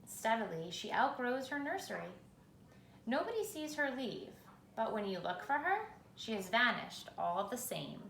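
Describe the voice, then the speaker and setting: With dramatic pauses and a measured, expressive delivery, a woman reads a picture book for children out loud. Her voice is noticeably creaky at a medium pitch. There is clear echo from the room and a faint background noise.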